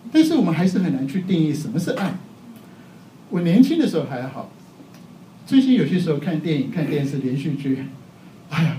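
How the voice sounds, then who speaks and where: A man's voice: fairly high pitch, dark tone, distant mic. A middle-aged man from Taiwan, preaching a sermon in a chatty, self-mocking way and laughing often. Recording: echoey hall, faint background noise.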